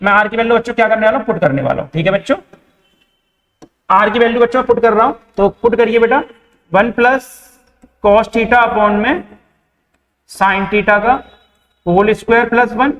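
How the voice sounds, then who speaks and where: Young Indian man, high voice, math teacher who asks questions and answers them himself, recorded in a reverberant room. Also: normal speed, pauses often, lo-fi sound. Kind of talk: board-exam math lesson. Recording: echoey room with long reverb.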